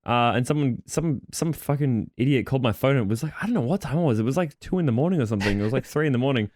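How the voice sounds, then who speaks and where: A man's voice: medium pitch, lively intonation, rapid-fire, darkish tone, dry recording, studio quality. A young man co-hosting a podcast, blunt and teasing, swearing freely in casual chat. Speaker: podcast co-host.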